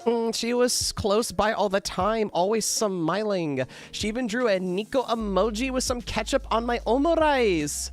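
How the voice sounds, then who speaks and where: A man's voice: high-pitched, unhurried, few pauses, voice pushed up. An overexcited young tourist who is obsessed with anime and gushes in a raised, eager voice full of Japanese words, as a man puts him on. He sounds like a goofy game character, with faint music behind him. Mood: gushing. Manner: gushing, sprinkled with Japanese words.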